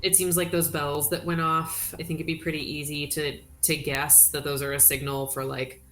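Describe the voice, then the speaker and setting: A woman's voice: low voice, flat delivery, moderate pace, fairly bright tone. A woman running a tabletop game as dungeon master, narrating in a casual, chatty way. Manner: casual, chatty, with many fillers.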